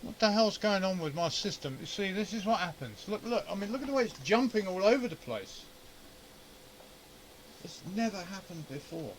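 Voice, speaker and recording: Speaking at a normal speed with lively intonation, this man has a high-sitting voice, captured in a low-quality recording with slight background noise. He's a hobbyist radio operator and video host demonstrating equipment at home in his shack. The talk is casual and unscripted, full of grumbling and thinking aloud as he troubleshoots.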